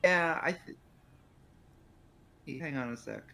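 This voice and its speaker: A man's voice: a little high, expressive, takes it slowly, vocal fry, bright, forceful tone. A man casually co-streaming a video game, commenting and reading lines aloud.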